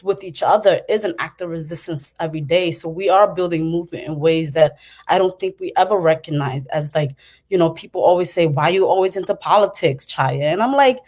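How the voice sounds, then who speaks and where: A middle-aged woman from Cambodia tells her story on a panel. Her voice sits on the low side. She speaks with passion, often pausing on fillers and restarting a thought before pushing it through. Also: darkish tone.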